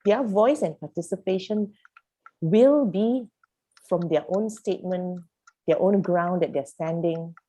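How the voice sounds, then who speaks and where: A woman's voice: on the low side, a little slow, mellow. A woman facilitating a youth program over a video call, speaking emphatically and posing one rhetorical question after another. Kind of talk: animated group coaching.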